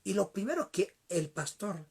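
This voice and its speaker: A man preaching a sermon, telling a story in an animated way and addressing the congregation directly. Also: high voice, moderate pace, vocal fry, slightly rough.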